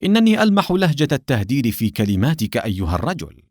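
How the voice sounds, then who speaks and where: A man reading a cunning male agent in an audiobook, putting on fake fury with a lower voice that swings up and down a lot, theatrical and sharp-edged, dry close sound. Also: sing-song, fast talker, no room sound. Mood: feigned anger. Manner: mock-angry, theatrical. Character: cunning male secret agent feigning anger.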